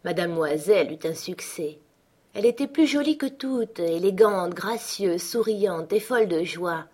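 A woman narrating a classic short story aloud in a measured, expressive way. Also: on the low side, breathy edge.

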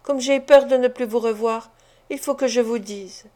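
A woman's voice: on the high side, normal speed, warm tone, lightly acted. A woman reading a storybook, voicing a pale, ardent young man who speaks in a breathless, pleading, tender way.

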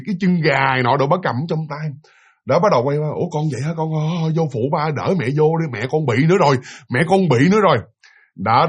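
A man narrates a ghost story at a fast clip. His husky voice swings widely in pitch as he chats straight to his listeners, animated throughout. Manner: animated, chatty, addresses listeners directly.

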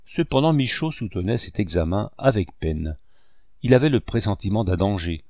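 Male audiobook narrator, expressive, dry close mic. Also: lowish voice, normal speed, no room sound. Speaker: audiobook reader.

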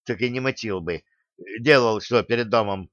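A man's voice: lowish voice, moderate pace, fairly bright tone, no echo, lightly acted. A chilled, stubborn old pensioner who talks back weakly through his shivers, as a male narrator puts him on. The audiobook recording is dry and muffled. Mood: feeble. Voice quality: weak, trembling.

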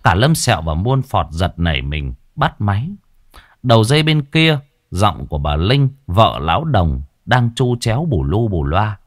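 Man, deep voice, lively ghost story narration, dry close sound. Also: a little slow, no room sound.

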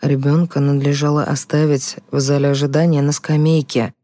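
A woman's voice: sits low, level tone, moderate pace, mellow, dry recording, clean studio sound, lightly acted. A woman reading an audiobook voices a guilt-ridden middle-aged male psychologist who mumbles and justifies himself. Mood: gloomy.

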